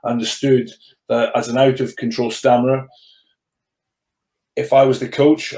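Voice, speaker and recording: There is a warm tone to this man's mid-range voice as he tells his story on a podcast at a moderate pace with little pitch variation. In his thirties, he went from rugby player to coach, and he speaks earnestly, repeating words and restarting because of a stammer he largely controls, in a room with noticeable echo.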